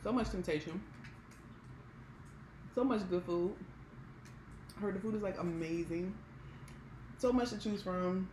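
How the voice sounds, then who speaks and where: A woman's voice: medium pitch, unhurried, pauses often, darkish tone. A woman with an American accent chatting casually and candidly to viewers as a vlogger, with an emphatic way of talking. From Maryland, United States. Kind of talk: casual mukbang chat to viewers. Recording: roomy echo with background hiss.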